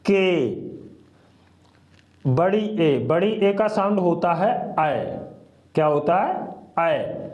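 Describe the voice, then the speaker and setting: A man teaching a slow beginner's Hindi lesson, repeating each sound and asking and answering his own questions. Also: high voice, darkish tone. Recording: echoey room.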